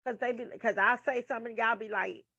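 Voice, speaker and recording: Here the same kind of casual nursing lesson comes in a slightly high, gravelly voice with a sharp tone, fairly even intonation and a brisk pace. She's frank and peppers it with profanity aimed at her listeners, recorded without echo in dull lo-fi sound.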